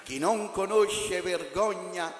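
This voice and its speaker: Man, slightly high voice, formal recital of maxims, long reverb. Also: slow, soft background music. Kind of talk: reciting sayings in formal Italian. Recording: echoey hall, noisy.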